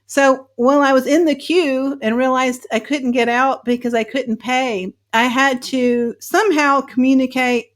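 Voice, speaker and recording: High-voiced woman hosting a chat. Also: steady tone, measured pace, hardly any pauses. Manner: chatty, upbeat questioning. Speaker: host. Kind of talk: casual interview chat.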